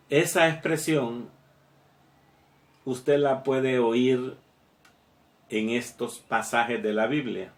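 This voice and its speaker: A man preaches a sermon. He talks very slowly and haltingly, restarting his phrases. The room around him is echoey. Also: mid-range voice, steady tone. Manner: slow and halting, with many fillers and repeated words.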